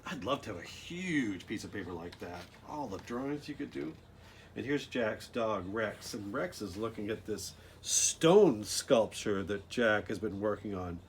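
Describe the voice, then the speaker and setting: Reading his own picture book aloud outdoors, a children's author uses very lively, swooping intonation against light background noise. His fairly low voice moves a little slowly, and he often slips into casual asides addressed straight to his young listeners.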